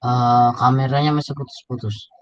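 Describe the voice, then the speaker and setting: A man's voice: mid-range voice, flat delivery, normal speed, clean tone, dry recording, muffled recording. A man, a student, giving short, hesitant replies over a choppy video call with his phone held away from his mouth.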